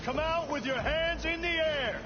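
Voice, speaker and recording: A man's voice: very high voice, measured pace. A man voicing an armed security trooper who barks surrender orders through a megaphone. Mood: commanding. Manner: barking commands. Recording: muffled, under loud game music.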